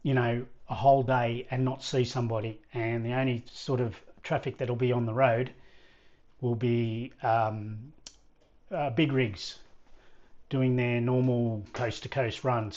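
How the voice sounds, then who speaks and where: This Australian vlog host chats casually and ramblingly to the camera in an easygoing manner. His voice is medium-pitched with a darkish tone and no echo, and the lo-fi recording sounds slightly dull.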